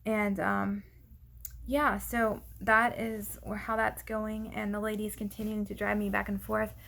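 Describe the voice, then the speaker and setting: Breathless woman with a creaky voice. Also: medium pitch, little pitch movement, fairly bright tone. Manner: halting, trailing off and losing her thread. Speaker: vlogger giving a personal update. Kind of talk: casual unscripted update to followers.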